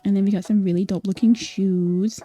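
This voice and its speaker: A Scottish-born vtuber streamer chats casually with her viewers in a mostly American-sounding accent. Her medium-pitched, mellow voice holds a steady tone at normal speed over soft background music, and she's chatty and apologetic, full of fillers.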